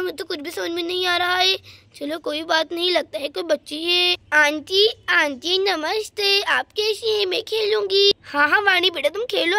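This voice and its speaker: A woman voicing a lively, curious village mother in an acted doll story. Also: very high-pitched, no room sound. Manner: lively, exclamatory. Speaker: doll story narrator and voice artist.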